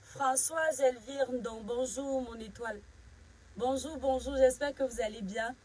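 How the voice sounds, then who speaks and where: A woman's voice: sits high, measured pace, a little mellow, a little hiss or hum, rough recording. A woman from Cameroon hosting a casual live stream, greeting viewers by name and sharply scolding critics. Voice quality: husky.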